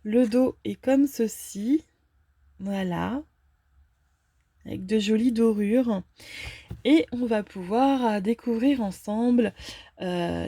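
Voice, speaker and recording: A woman casually unboxing and reviewing a fortune-telling card deck, talking hesitantly with many filler pauses. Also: medium pitch, mellow, no echo.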